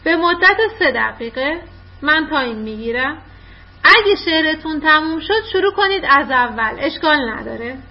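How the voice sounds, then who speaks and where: Brief: female teacher on a video call, higher-pitched, warmly praising, lo-fi dull sound. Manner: encouraging, quick to praise. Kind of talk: online class, coaching children to read aloud. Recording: dull lo-fi online call audio.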